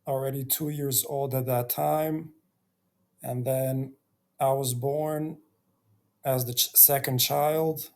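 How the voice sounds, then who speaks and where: A man in his thirties telling his life story on his own channel, reflective, pausing often between phrases. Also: mid-range voice, darkish tone. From Bosnia and Herzegovina. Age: 30s. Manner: slow and reflective, with many pauses and fillers. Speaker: YouTuber. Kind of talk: personal storytelling vlog.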